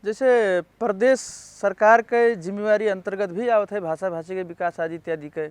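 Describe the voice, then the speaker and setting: A man with an Awadhi accent interviews his guest for local TV in a polite, formal way. His voice is high and smooth, recorded dry and close. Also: fairly even intonation, normal speed, no room sound.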